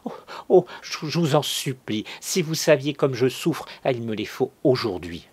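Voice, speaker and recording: A man's voice: mid-range voice, very animated, measured pace, darkish tone, slightly rough, pitched above the performer's own voice. A man voicing a distraught young woman under hypnosis, stammering as she pleads. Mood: frantic pleading.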